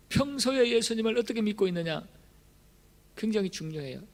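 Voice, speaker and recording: A male pastor preaching a sermon in a church, impassioned and emphatic, swinging between soft and loud delivery. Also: extremely high pitch. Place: church sanctuary. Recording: long reverb of a church hall.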